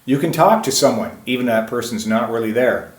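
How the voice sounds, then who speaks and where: Male self-defense instructor, mid-pitched, emphatic teaching delivery, recorded in an echoey room. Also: animated, a little fast. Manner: emphatic, asks and answers his own questions. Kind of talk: instructional presentation.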